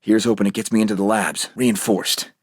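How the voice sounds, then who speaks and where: An actor playing Captain America, a heroic and determined American soldier, delivering terse, earnest video game lines. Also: male voice, on the low side, steady tone, fairly quick, breathy edge, no echo, clean studio sound. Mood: focused, determined.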